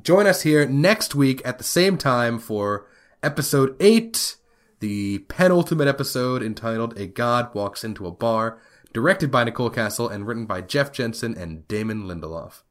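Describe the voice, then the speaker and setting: A man's voice: mid-range voice, lively intonation, normal speed. Congested man hosting a podcast. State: congested with a head cold. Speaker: podcast host. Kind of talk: casual chat, reading listener messages.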